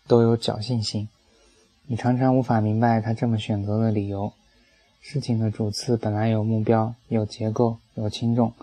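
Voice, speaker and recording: A man's voice: lowish voice, warm tone, low-quality recording. A man reading a personal essay aloud as an audiobook, telling it in a wry, dry way. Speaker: narrator.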